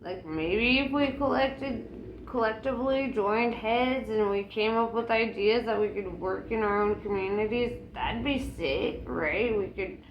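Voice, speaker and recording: A woman's voice: mid-range voice, a little slow, dull audio. A woman in a loose, tipsy, rambling casual rant, swearing freely as she talks. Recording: echoey room with faint background noise.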